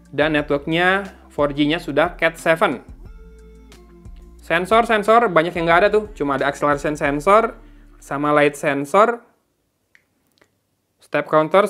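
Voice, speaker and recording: A man with a slightly bright voice on the high side does a casual, informal unboxing and tech review. He thinks aloud as he reads out the specifications.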